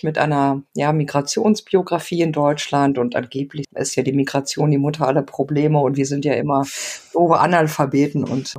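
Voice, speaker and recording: An Argentine sociology professor in her fifties answers interview questions as a podcast guest, thoughtful, using many fillers and laughing now and then. Her voice is low, a little mellow, and has a breathy edge.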